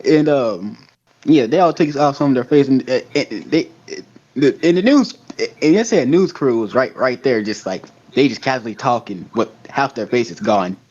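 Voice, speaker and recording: Man, casual chat, rambling storyteller, restarts a lot, middle pitch, dull lo-fi recording. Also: lively intonation, normal speed, a little mellow. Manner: rambling, full of restarts and fillers, checks in with "right?".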